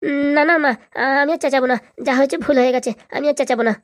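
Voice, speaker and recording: A woman's voice: high voice, steady tone, racing, voice pushed up, lightly acted. A woman voicing a young husband earnestly begging his wife's forgiveness in a cartoon. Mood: apologetic. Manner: pleading, earnest. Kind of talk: cartoon voice acting.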